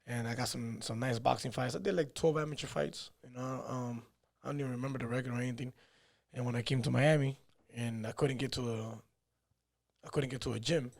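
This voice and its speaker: This Peru-born fighter in his thirties, a native Spanish speaker, talks through his life on a podcast in a relaxed, wandering style, sprinkling in "you know" and "man." He sounds gravelly and brisk, holding a steady tone at medium pitch. The setting is an easygoing interview built around stories.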